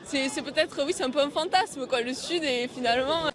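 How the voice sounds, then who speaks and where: A woman with a high voice answering a street interview, hesitant and a little giggly. A crowd can be heard clearly around her. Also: a little fast.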